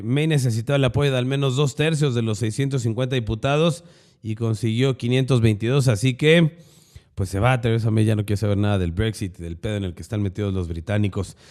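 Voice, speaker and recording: A man's voice: mid-range voice, fairly quick, a little mellow. A man with a Mexican accent hosting a news podcast, giving opinionated commentary with sarcastic, crude slangy asides.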